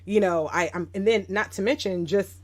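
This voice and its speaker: A woman in her thirties, appearing as a guest educator, recounts stories on a relaxed podcast in a medium-pitched voice at a moderate pace. She sounds reflective, becoming animated as she quotes people.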